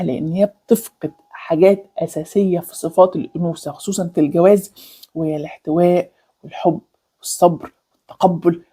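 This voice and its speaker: A woman's voice: fairly low pitch, mellow, husky. A woman with an Egyptian Arabic accent hosting a relationship advice channel, explaining earnestly and repeating key phrases for emphasis, with English words mixed in. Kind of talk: talking to camera about relationships.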